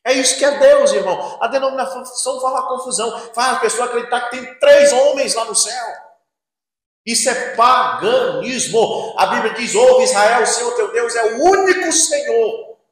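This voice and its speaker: A male preacher delivers a dramatic sermon, acting out quoted lines. His voice sits high and leaps widely in pitch, jumping from loud cries to hushed asides. The church hall wraps every word in heavy echo. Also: lively intonation, normal speed.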